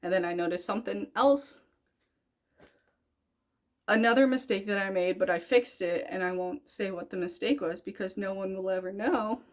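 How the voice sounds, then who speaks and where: A woman's voice: medium pitch, darkish tone. A young woman talking casually about her cross-stitch projects, rambling and correcting herself as she goes. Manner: chatty, rambling, self-correcting. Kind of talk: casual chat.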